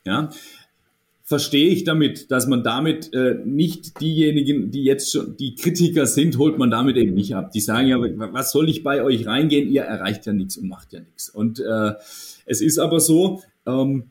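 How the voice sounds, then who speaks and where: A man's voice: medium pitch, normal speed, a little mellow. A man speaking as an association's managing director in a podcast interview, thoughtful and hesitant, with many fillers and restarts.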